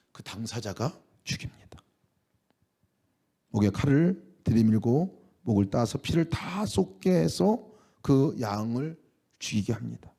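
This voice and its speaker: Lively Korean male pastor preaching. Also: on the high side. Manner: dramatic storytelling, slowing and whispering for emphasis. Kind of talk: sermon.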